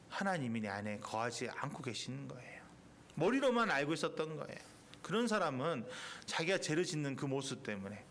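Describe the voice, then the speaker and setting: A male pastor preaching a sermon in a church, impassioned, climbing to emphatic peaks and then dropping quiet. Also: fairly high pitch. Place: church sanctuary.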